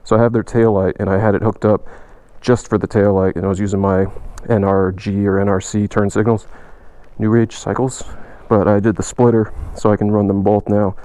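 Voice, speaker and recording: A man's voice: lowish voice, fairly quick, no echo. A man talking casually and rambling as he vlogs about his motorcycle, much of it while riding on country roads. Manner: relaxed, rambling, with filler words. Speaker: motorcycle vlogger. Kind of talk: casual vlog. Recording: noisy outdoor road recording.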